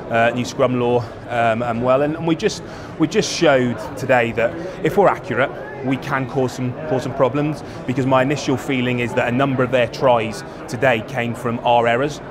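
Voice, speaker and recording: A man in his forties, a rugby forwards coach, giving a post-match interview in a stadium stand, repeating and restarting his phrases. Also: mid-range voice. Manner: flat, repetitive, restarts phrases. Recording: outdoor stadium with crowd noise. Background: crowd murmur.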